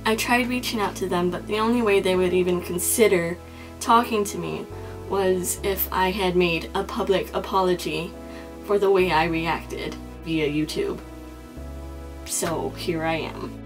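A woman's voice: on the low side, unhurried, over music, poor audio. A young woman doing a mock-serious confessional vlog monologue, earnest and solemn, often restarting her sentences. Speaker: comedy vlogger.

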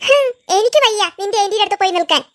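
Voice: expressive, dry recording, clean studio sound. A performer voicing a grumpy young cartoon boy who snaps irritably at his auntie. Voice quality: high, childlike cartoon voice. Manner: irritable, quick snapping.

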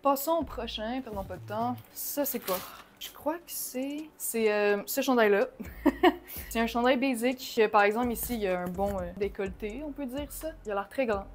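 A woman's voice: fairly high pitch, moderate pace. A young woman with a Québécois French accent chatting casually through a shopping haul vlog, slipping in English slang and swears. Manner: bursts of excitement. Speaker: vlogger.

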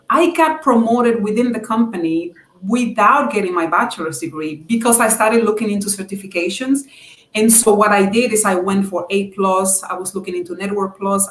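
A woman's voice: medium pitch, echoey room. A woman answering interview questions in an earnest, advice-giving way with many fillers. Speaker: guest.

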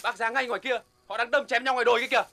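An anxious villager who pleads urgently for help. His voice is high and bright, and he talks quickly. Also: fairly even intonation, exaggerated voice. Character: anxious male villager raising the alarm.

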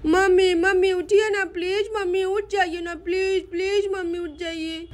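A woman's voice: very high-pitched, fairly even intonation, moderate pace. A woman voicing a grieving little girl doll who sobs and pleads for her mother to wake. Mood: tearful pleading. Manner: sobbing, begging.

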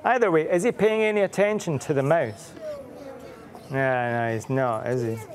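A man's voice: mid-range voice, normal speed, slight background noise. A middle-aged man, an author reading his picture book aloud to children, playful and full of questions for them.

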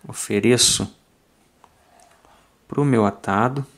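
A man with a Brazilian Portuguese accent explains fly tying step by step in a calm, methodical way, counting off each turn aloud. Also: mid-range voice, slow pace. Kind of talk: step-by-step tutorial narration.

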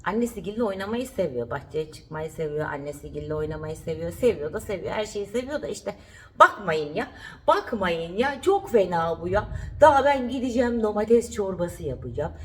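Woman vlogger from Turkey, casual home chat, coos and repeats words to her pet, mid-pitched voice. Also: lively intonation, moderate pace. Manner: chatty, cooing baby talk to her dog, repeats phrases. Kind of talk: casual vlog chat to camera while playing with her puppy. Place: at home indoors.

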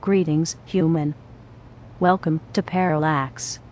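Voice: mid-range voice, takes it slowly, slight background noise, low-quality recording. Goldie, a formal robot caretaker voiced by a performer. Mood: flat, formal. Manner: flat, formal, clipped machine phrasing.

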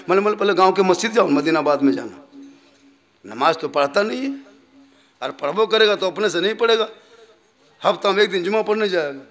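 Preaching man swinging from mutters to loud chant. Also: sits high. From Jharkhand, India. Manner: humorous, mocking asides in local dialect. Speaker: Islamic preacher. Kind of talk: sermon at a religious gathering. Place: outdoor religious gathering.

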